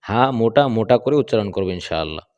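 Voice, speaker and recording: A man teaching Quran recitation, chanting verses slowly and explaining pronunciation patiently. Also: fairly low pitch, expressive, a little mellow, clean tone. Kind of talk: slow recitation lesson with explanations. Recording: long hall reverb.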